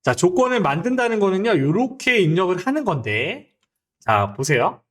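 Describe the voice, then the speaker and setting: A young man lecturing on a spreadsheet exam, his voice pitched high and swinging up and down as he goes. He keeps asking his viewers questions and checking that they follow, in the manner of a lively online tutor. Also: moderate pace. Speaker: teacher.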